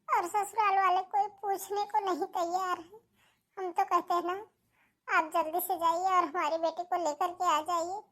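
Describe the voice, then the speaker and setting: A woman voicing a worried middle-aged mother in an animated family drama, fussy and quick to side with her daughter. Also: very high-pitched. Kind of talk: animated cartoon voice acting.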